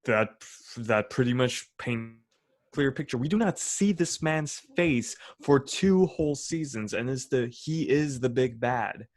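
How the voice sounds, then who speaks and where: A man's voice: mid-range voice, animated, unhurried. A young man co-hosting a podcast in casual chat, rambling with many fillers and restarts. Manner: rambling, full of "you know" and "like". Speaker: podcast co-host.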